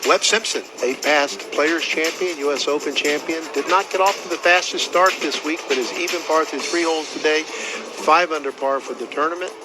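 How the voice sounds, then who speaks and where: A man's voice: fairly high pitch, moderate pace, over music, low-quality recording. A man giving live golf commentary and analysis as an analyst on a broadcast.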